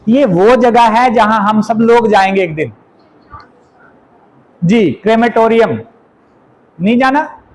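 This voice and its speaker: Male tutor, high voice, joking classroom style, slow deliberate definitions. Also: poor audio. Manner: chatty, teasing, reads definitions slowly. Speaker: English teacher. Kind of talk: exam vocabulary lesson.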